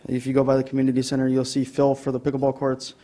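A man's voice: mid-range voice, monotone, fast talker, mellow. A man with an Upper Midwest American accent presenting an item to a city council, with many ums and restarts. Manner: hesitant, many fillers. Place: council chamber.

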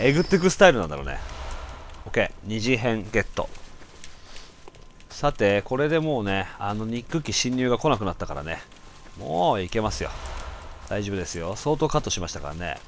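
A man giving casual, rough-spoken commentary while playing a video game, often yelling and stammering in panic. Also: mid-range voice, slight background noise. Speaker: gameplay commentator. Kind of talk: casual let's-play commentary.

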